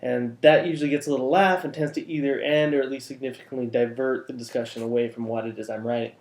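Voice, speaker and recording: A man's voice: medium pitch, steady tone, quick pace, a little mellow, echoey room. A man hosting his own vlog, talking about the novel he is writing with wry, dry humor and playful wordplay. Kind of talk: casual talking-head vlog.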